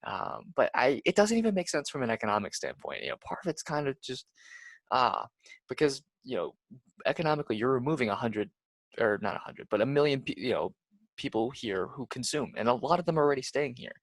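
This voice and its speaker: Gravelly young male podcast host. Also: medium pitch, very animated, fairly quick, no echo. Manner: earnest, full of "you know" restarts. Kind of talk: casual podcast chat.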